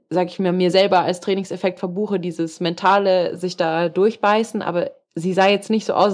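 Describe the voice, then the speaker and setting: A woman's voice: on the low side, darkish tone. A woman from Germany co-hosting a podcast in casual chat, telling stories and laughing often. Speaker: podcast co-host. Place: hotel in the Austrian Alps.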